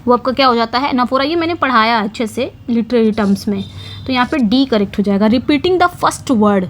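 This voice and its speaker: A woman teaching English literature for exams, explaining each question in Hindi and reading the English slowly, repeating key words as she writes on a board. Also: a little high, a little hiss or hum. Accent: Indian English. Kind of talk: exam-prep lesson.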